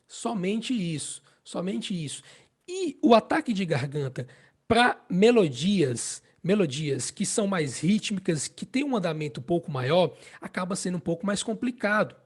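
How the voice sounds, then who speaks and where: High-pitched and husky with a sing-song quality, a Brazilian Portuguese-accented man teaches a casual harmonica lesson. He explains patiently at a slow pace, repeats phrases, and checks in with "né?" and "entende?".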